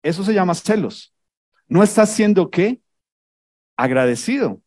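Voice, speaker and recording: High-voiced man preaching a lively sermon. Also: measured pace. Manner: animated, teasing, many rhetorical questions. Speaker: pastor.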